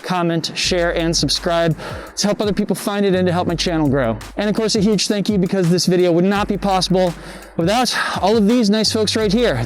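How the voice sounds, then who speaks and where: A man hosting his own poi spinning channel, talking casually and upbeat to camera outdoors on a cold evening, out of breath. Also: sits high. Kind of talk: casual vlog talk to camera.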